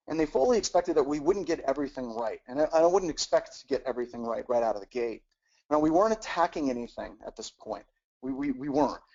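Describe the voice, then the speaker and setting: A man's voice: mid-range voice, darkish tone. Man explaining tech on a dull webcast. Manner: explanatory, frequent "uh" and repeated words. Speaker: webcast instructor. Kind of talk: technical webcast presentation.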